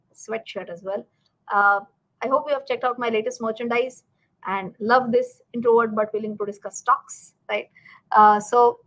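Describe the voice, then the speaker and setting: On poor audio, a woman with a slightly high voice and an Indian accent hosts a finance live stream. Her chatty lesson is animated and emphatic, full of self-answered questions and direct check-ins like "right" and "okay".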